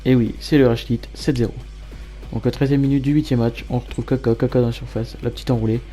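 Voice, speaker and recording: A man giving matter-of-fact play-by-play commentary as a gamer over his own match highlights. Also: fairly even intonation, quick pace, mellow, soft background music. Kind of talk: gameplay commentary.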